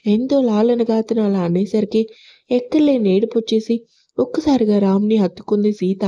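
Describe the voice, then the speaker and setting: Female storyteller, calm even reading, somewhat high pitch, dull recording. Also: moderate pace. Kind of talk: narrated audio story. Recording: lo-fi audio.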